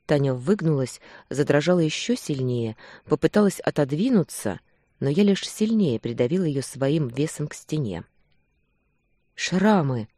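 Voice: mid-range voice, expressive, normal speed, dark tone, no room sound, clean studio sound. An audiobook reader narrating a first-person romance with intense, emotional delivery.

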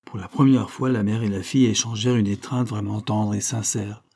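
Male audiobook narrator, low, dark and husky, steady storytelling. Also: fairly quick. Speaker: audiobook reader. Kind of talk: scripted narration of a classic novel.

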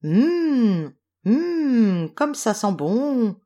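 A woman's voice: mid-range voice, sing-song, unhurried, breathy edge. A woman reading a storybook, voicing a curious, tired little girl who sighs and exclaims. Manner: sighing, exclaiming.

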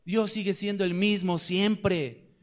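A man preaching a sermon, firing rhetorical questions and swinging between loud declarations and quiet asides. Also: high voice, steady tone, takes it slowly.

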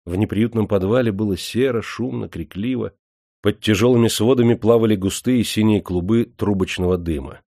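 A man reading an audiobook in a measured, steady style. His voice sits on the low side. The recording is dry and close, with no room sound. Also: no echo. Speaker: audiobook narrator. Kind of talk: scripted narration.

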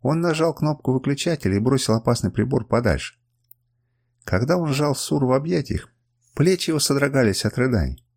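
A man narrating a novel in the first person with dramatic, expressive reading. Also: medium pitch, brisk, gravelly. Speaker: audiobook narrator.

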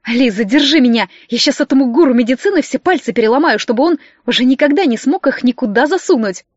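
A woman reading an audiobook voices a fiery, brash young woman who talks loudly, threatening and mocking. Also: high voice, expressive, fast, no echo, muffled recording. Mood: aggressive.

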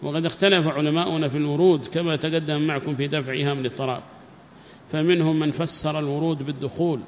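A man's voice: on the high side, fairly even intonation, quick pace. A man giving a religious lesson, speaking emphatically with repeated phrases and rhetorical questions. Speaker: religious teacher. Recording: long reverb with faint background noise.

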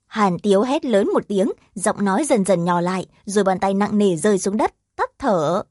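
Woman narrator for a fantasy audiobook; steady, mid-pitched, dry. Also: moderate pace, dry recording.

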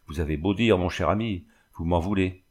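A man voicing a kindly, gently firm village priest who coaxes and scolds like a father, in a storybook reading. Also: sits low, a little fast. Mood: persuading. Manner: coaxing, paternal scolding.

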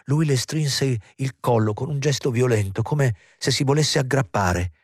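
A man reading a literary novel aloud as an audiobook narrator, measured and expressive. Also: mid-range voice, slightly rough, dry recording, clean studio sound. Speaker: audiobook reader.

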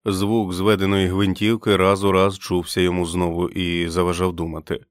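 Man reading a novel aloud, lowish voice, dead dry sound. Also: little pitch movement, normal speed, no echo. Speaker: audiobook narrator. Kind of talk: scripted narration.

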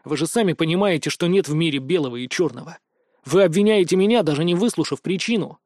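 A man playing a quiet, stubborn teenage boy. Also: on the high side, fast, dry recording, studio quality, natural voice. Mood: subdued. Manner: soft, subdued, defensive.

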